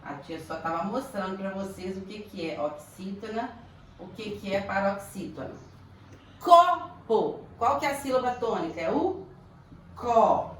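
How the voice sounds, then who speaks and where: A woman's voice: medium pitch, a little hiss or hum. Brazilian woman teacher, echoey distant room. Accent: Brazilian Portuguese. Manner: slow, deliberate, stretches words to sound out syllables. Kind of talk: primary school grammar lesson.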